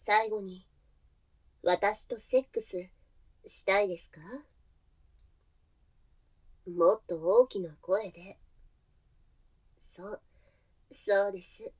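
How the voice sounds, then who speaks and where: A woman voicing a possessive, devoted adult woman who has waited centuries for a hero, speaking slowly in a sweetly polite, softly menacing way. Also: medium pitch, fairly even intonation, breathy edge. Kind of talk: adult audio drama role-play.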